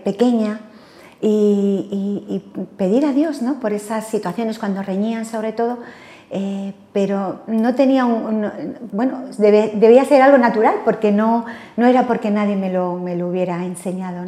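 A woman's voice: medium pitch, mellow, reverberant. An older woman from Spain, giving a personal faith testimony as an interview guest, talking hesitantly with many fillers and tag questions.

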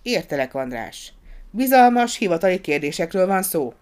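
A reader voicing a loud, well-meaning middle-aged country gentleman in a dramatized audiobook, speaking in a booming, hearty way. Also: very animated, clean tone. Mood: eager. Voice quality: booming and repetitive.

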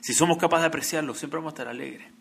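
Guy preaching a torah sermon, bright edgy voice, gets loud then goes quiet. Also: fairly high pitch, very fast, creaky. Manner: earnest, builds to emphatic peaks then drops to soft. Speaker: rabbi.

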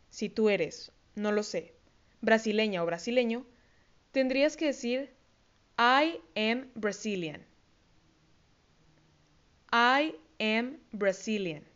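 A woman hosting a scripted podcast lesson, slowly and carefully repeating words for listeners to copy. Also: fairly high pitch, highs cut off. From Mexico. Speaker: English teacher host of a podcast.

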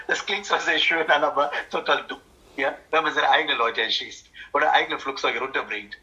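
A man preaching a lively sermon as a pastor, speaking German with a non-native accent, acting out grumbling churchgoers and tagging questions onto his points. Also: fairly high pitch, fairly quick, muffled recording. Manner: animated, acts out objecting churchgoers, frequent tag "ja?".

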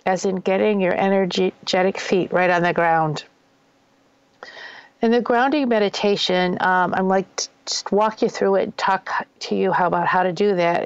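Soothing, low-voiced woman guiding meditation. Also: vocal fry, no room sound, muffled recording. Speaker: host of a spiritual self-help show. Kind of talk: guided grounding meditation.

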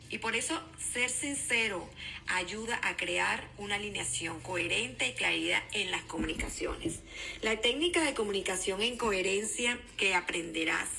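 A woman, a certified communication coach, giving a calm, instructive podcast talk and repeating her key steps. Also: medium pitch, vocal fry, low-quality recording. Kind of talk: podcast self-help talk.

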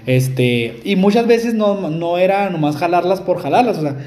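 A man's voice: high-pitched, animated, moderate pace, dark tone, echoey room, a little hiss or hum. A man with a Mexican Spanish accent, co-hosting a casual podcast chat, teasing his co-host and speaking to listeners. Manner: teasing, joking, addresses listeners.

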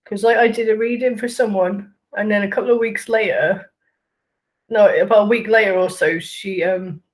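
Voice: mid-range voice, fairly even intonation, moderate pace. Podcast host, interviewer, casual chat, self-interrupting, a bit tongue-tied.

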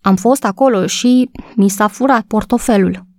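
A woman's voice: a little mellow, no echo, lightly acted. A woman reading a storybook voices an agitated housewife close to tears, talking breathlessly. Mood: flustered. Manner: breathless, high-strung, tearful.

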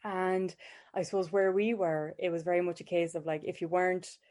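Her voice sits on the low side and is darkish, with fairly even intonation and a fairly quick pace. This west of Ireland woman from County Galway works as a mental health clinician and speaks informally as a podcast guest, sharing self-deprecating personal stories.

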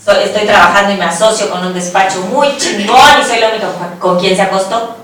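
A woman's voice: medium pitch, fast, fairly bright tone. A middle-aged woman with a Mexican accent telling frank personal stories in a discussion, swearing casually and speaking with animation. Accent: Mexican Spanish. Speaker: panelist. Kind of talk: candid personal testimony in a discussion. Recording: echoey room, voice distant from mic.

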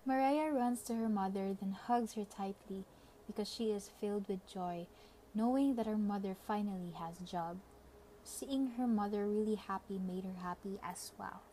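Woman narrator, scripted storytelling, mellow tone, amateur audio drama. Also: mid-range voice, normal speed, a little hiss or hum, poor audio. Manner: plain, storytelling.

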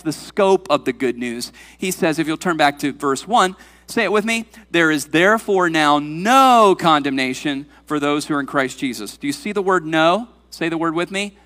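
A man's voice: on the high side, fairly bright tone. A man in his forties preaching a sermon to his congregation, emphatic and full of questions to the room. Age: 40s. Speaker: pastor. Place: church sanctuary. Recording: long hall reverb.

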